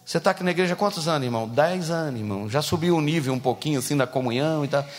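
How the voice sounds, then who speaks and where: A pastor with a Brazilian Portuguese accent preaching a sermon in a church, animated and rising to shouts. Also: male voice, on the high side, racing, in a large hall.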